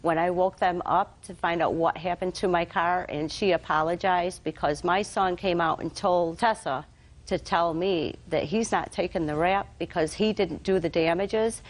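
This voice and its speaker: A woman's voice: on the low side, steady tone, moderate pace, poor audio. A middle-aged woman giving testimony as a plaintiff in a television courtroom.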